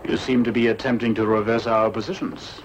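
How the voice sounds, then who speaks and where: An actor playing a formal, dryly courteous colonel. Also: male voice, lowish voice, level tone, brisk, lo-fi sound, lightly acted. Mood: coolly polite. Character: stiff formal German Luftwaffe colonel, male, middle-aged. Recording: noisy TV drama soundtrack.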